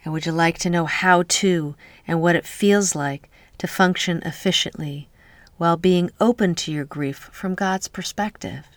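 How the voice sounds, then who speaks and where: A woman leading a guided healing meditation in a soft, slow voice that often drops to a whisper, speaking close to the mic. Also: lowish voice, no room sound.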